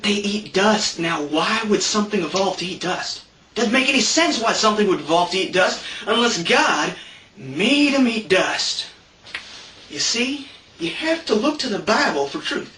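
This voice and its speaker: A man's voice: high voice, bright, forceful tone, a little hiss or hum. A man delivering a satirical mock sermon in a sarcastic, rambling way, padding his lines with "you know". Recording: roomy, mic at a distance.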